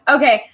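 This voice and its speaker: A woman hosting a casual livestream, chatting with viewers and answering their questions with frequent laughter while sipping wine. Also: a bit bright. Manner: giggly, chatty, laughs often between answers; sips wine on stream and jokes about getting tipsy. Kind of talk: casual live chat.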